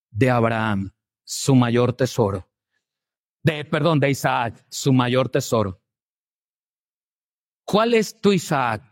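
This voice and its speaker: A man preaching a sermon as pastor, emphatic and full of rhetorical questions, swinging between loud stresses and quiet, low asides.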